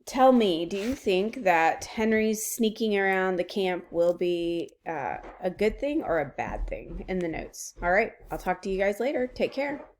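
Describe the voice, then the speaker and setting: A woman's voice: medium pitch, expressive, unhurried, few pauses, slight background noise. A woman teacher giving a recorded literature lesson, explaining a play to her students in a conversational way with frequent fillers.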